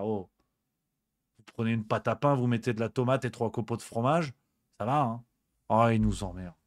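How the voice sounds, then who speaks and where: A man's voice: mid-range voice, no room sound, studio quality. A male host delivering a comedic rant on a livestream show, exasperated and swearing, repeating his grumbles.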